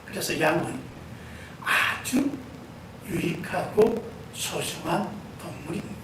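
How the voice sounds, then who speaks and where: A middle-aged male pastor delivers a Sunday sermon in a fairly high voice, telling stories and calling out to the congregation. He is heard from a distance in a very echoey sanctuary. There is steady room noise behind him. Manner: storytelling, addressing the congregation directly. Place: church sanctuary. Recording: echoey church hall, voice from far off, room noise.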